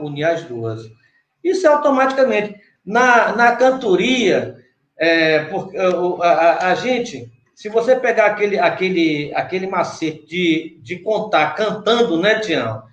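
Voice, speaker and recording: A man's voice: high-pitched, dull audio. A Brazilian man, a cordel poet, teaching an online workshop patiently and step by step, often checking in with his guest. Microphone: video call. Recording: roomy echo.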